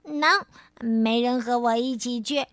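Casting note: impish young tomcat from a storybook, a woman doing it, very high, bright and sharp, playful and wheedling, dry close sound. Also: takes it slowly, no echo. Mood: coaxing defiant. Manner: playful, wheedling, bursts into loud cries. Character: mischievous, cheeky young male cat. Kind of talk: children's storybook reading.

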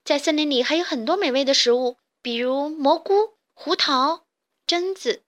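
A woman's voice: high-pitched, normal speed, fairly bright tone, voice pushed up. A woman voicing a brave, curious little hen girl who speaks earnestly, in a children's storybook reading. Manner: earnest, pleading.

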